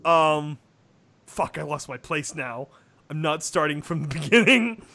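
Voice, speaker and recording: A woman's voice: deep voice, expressive, unhurried, vocal fry, fairly bright tone, a little hiss or hum. A woman speaking casually and self-mockingly, with some swearing, as an amateur reader joking between passages. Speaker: amateur fan fiction reader. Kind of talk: casual comic banter during a read-aloud.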